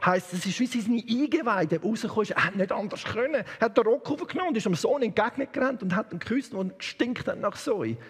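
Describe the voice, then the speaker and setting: A man's voice: high-pitched, expressive, fast, few pauses, breathy edge, big-room sound. A man with a Swiss German accent preaching an impassioned, emphatic sermon in a church. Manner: impassioned, emphatic, with sudden shifts of pace. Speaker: guest preacher.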